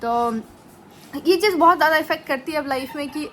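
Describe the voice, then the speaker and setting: A woman's voice: high-pitched, fairly quick, fairly bright tone. A woman who runs an animal shelter, chatting casually to her viewers and speaking with care so she doesn't trip over her words. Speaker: animal rescuer running a shelter. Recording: noisy phone recording with rain behind.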